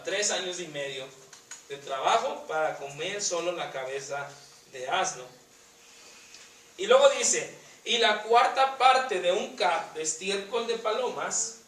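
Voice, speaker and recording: A high, bright-voiced man preaches a sermon, pressing his points with emphasis and sometimes sinking almost to a whisper. He is recorded from across an echoey church hall. A faint hum sits behind him. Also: recorded from a distance. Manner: emphatic, drops to near whisper on key words. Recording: echoey church room from off-mic.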